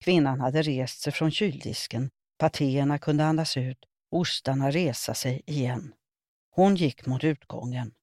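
A woman reading her own humorous column aloud with wry, expressive storytelling. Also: rumbling low, no echo, studio quality. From Sweden.

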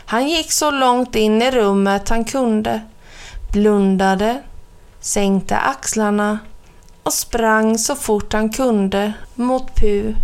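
A woman reads a children's storybook aloud in a clear, even manner, her voice pitched somewhat high. The narration flows steadily between the characters' lines. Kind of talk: storybook reading.

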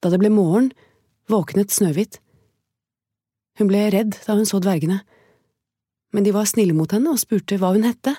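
Woman, fairy tale reading, calm, gentle, mellow tone, dry close sound. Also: medium pitch, long pauses, no room sound. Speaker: storyteller.

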